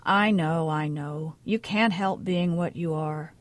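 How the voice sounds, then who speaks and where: A woman voicing a volatile, resentful mother who snaps sharp retorts during a family fight. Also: low-pitched, takes it slowly. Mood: bitter.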